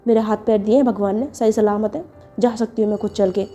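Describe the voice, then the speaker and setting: A woman's voice: medium pitch, steady tone, quick pace, warm tone, soft background music, lightly acted. A woman voicing a stubborn rich young woman who makes angry, defiant demands.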